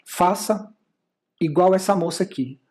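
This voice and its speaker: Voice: mid-range voice, measured pace, a little mellow. A speaker with a Brazilian Portuguese accent gives a lecture over slides as a communication and sales instructor, explaining points and asking and answering their own rhetorical questions.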